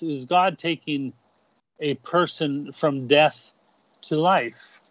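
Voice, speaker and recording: Slow, deliberate male preacher. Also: on the high side, no echo, muffled recording. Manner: slow and deliberate, repeats words when restarting. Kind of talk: sermon.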